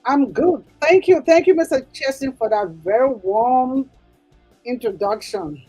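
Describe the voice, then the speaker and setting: A woman with a Liberian accent, the executive director of a nonprofit, speaks earnestly and emphatically as an interview guest explaining things. Her high voice is husky with a dark tone and a slightly slow pace, and faint music plays in the background.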